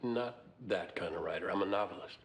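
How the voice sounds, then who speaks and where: A man's voice: low voice, fairly quick, a little hiss or hum. A man playing a glib, teasing novelist in a crime drama, with wry, playful banter over music. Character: glib, teasing male novelist tagging along with police. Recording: music behind TV dialogue.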